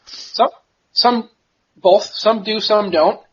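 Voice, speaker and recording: A male guest explaining things in a relaxed, informal, easygoing chat. His voice sits somewhat higher than most men's. The sound is dull and lo-fi. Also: slow, breathy edge. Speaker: interview guest.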